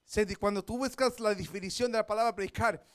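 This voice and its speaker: A pastor preaching a sermon in a loud, impassioned way that builds to shouting. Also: male voice, high-pitched, steady tone, fast talker.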